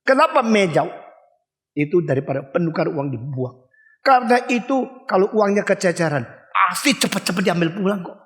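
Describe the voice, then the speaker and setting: Older male pastor, high voice, animated sermon, reverberant hall. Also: normal speed. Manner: animated, acts out voices and dog barks, asks the audience questions.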